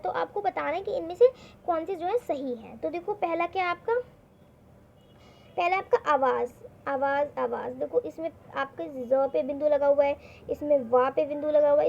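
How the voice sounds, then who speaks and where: A woman's voice: extremely high pitch, gravelly, dark tone. A woman teaching a worksheet lesson to children, explaining step by step, repeating words and asking the class questions. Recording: dull lo-fi recording with faint noise.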